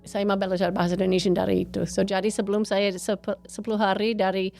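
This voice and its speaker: Music plays behind a woman with a mid-pitched voice and an American accent. She is a native English speaker talking in Indonesian as a foreigner, often mixing in English phrases. Her delivery is casual storytelling, as a guest in an interview. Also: level tone, quick pace, creaky, darkish tone. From United States. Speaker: interview guest, gallery owner and painter.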